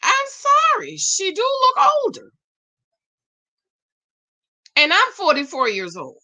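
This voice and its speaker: A chatty woman in her forties reviews a show on a livestream, reading comments and answering them with sass. Her voice sits high and has a bright, forward edge. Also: wildly swooping pitch, takes it slowly. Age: 40s. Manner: sassy, chatty, reads comments aloud and reacts.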